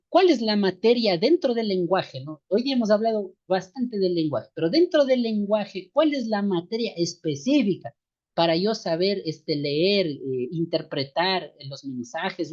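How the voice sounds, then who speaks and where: A man from the highlands teaches an online seminary class, speaking slowly and repeating his key points. He keeps asking the class rhetorical questions. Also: lively intonation, darkish tone. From Ecuadorian highlands. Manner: slow, repetitive, rhetorical questions tagged with "no". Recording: dull lo-fi sound.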